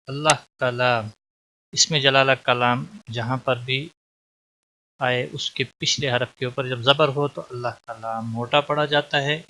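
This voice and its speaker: A man teaching Quran recitation rules, chanting each phrase slowly and drawn out, then explaining in plain spoken instruction. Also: medium pitch, pushed and bright, slight background noise. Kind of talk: tajweed lesson, chanted examples then explanations.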